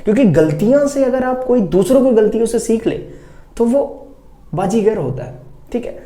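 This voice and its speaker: A teacher talks students through exam preparation in a relaxed, classroom-style way, keeping it direct and checking in every few sentences. The voice is soft and mellow. It sounds like an echoey room. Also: mid-range voice, moderate pace. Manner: keeps checking in with "ठीक है", direct and advising. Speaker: teacher giving board exam tips. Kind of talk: casual classroom-style talk.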